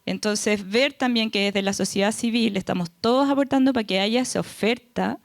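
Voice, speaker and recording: A woman's voice: medium pitch, moderate pace, vocal fry, no echo, studio quality. A woman speaking on a panel for a foundation, earnest and explanatory, often checking in with the audience. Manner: earnest, tag questions like "¿ya?". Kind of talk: panel talk.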